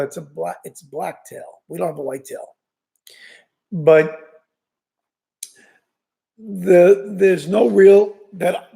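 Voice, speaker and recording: Host, New York accent, high-pitched and very gravelly, rambling chatty delivery. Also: male voice, warm tone. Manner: rambling, enthusiastic storytelling with many restarts. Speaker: fishing show host. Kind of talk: casual chat.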